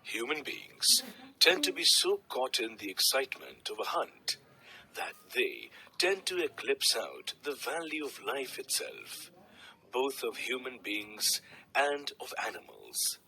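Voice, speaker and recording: A man's voice: medium pitch, huge pitch swings, takes it slowly, creaky, sharp tone, poor audio. A male teacher introducing a story lesson in an earnest, explanatory way.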